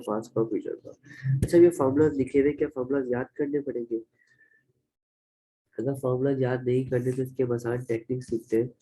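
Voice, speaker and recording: Male grammar teacher with a Pakistani accent, even-pitched and warm-toned, patient step-by-step explainer. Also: rough recording. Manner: explains step by step, repeats examples. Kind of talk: classroom-style grammar lecture.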